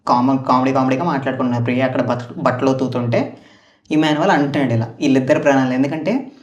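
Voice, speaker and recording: A man talks through a reality show recap in an easy, chatty way, acting out bits of the contestants' dialogue before giving his own take. His voice sits in the middle range. He sounds set back from the microphone, and the room around him rings with echo. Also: medium pitch. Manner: chatty, retells house dialogue in quotes, opinionated asides. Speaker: show reviewer. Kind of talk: casual recap commentary. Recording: roomy echo, voice far from mic.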